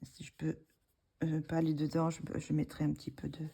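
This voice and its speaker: A woman's voice: deep voice, completely flat delivery, a little fast, vocal fry, warm tone, slightly rough. A woman with a French accent, casually narrating a craft tutorial while she works, thinking aloud with hesitations. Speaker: art tutorial host.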